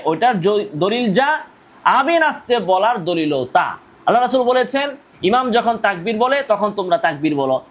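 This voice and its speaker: High-voiced argumentative male Islamic preacher. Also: poor audio. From Bangladesh. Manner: argumentative, rhetorical questions, repetitive emphasis. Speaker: Islamic scholar. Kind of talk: polemical religious lecture.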